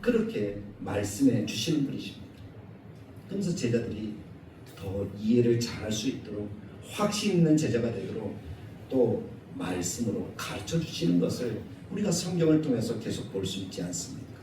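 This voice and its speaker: A male pastor delivering a Sunday sermon in a church, animated, acting out quoted scolding in a raised voice. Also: lowish voice, moderate pace, background noise. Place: church sanctuary. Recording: echoey church hall, mic at a distance.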